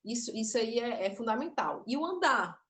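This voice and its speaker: Very animated and a bit bright, this woman's high-leaning voice moves at normal speed through an online puppetry class. She is a little nervous, explaining, demonstrating and interrupting herself, with her voice echoing from far off in the room.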